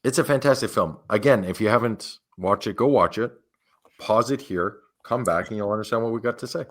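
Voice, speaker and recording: A man's voice: lowish voice, a little fast. A man co-hosting a casual film podcast, speaking in short bursts. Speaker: podcast co-host.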